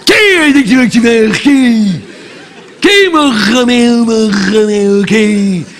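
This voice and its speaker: A man voicing Juliet as a clumsy, ugly young woman, declaiming with stammered repeats in a stage comedy parody. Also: slow pace. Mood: shrill. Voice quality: shrill and shouting. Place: theatre stage, live audience.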